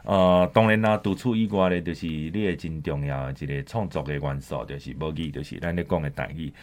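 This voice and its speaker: A man's voice: rumbling low, a little fast. A man with a Taiwanese accent hosting a music show, chatting casually with lots of interjections. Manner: animated, with frequent interjections and backchannels. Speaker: radio music show host.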